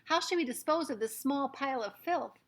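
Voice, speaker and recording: A woman reading aloud, voicing an excited crowd of wicked female witches with shrill, gleeful exclamations. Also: fairly quick.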